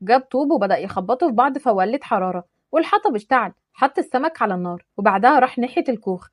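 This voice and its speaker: Fast Egyptian woman telling a story. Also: on the high side, expressive, no echo, studio quality. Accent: Egyptian Arabic. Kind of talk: storytelling narration.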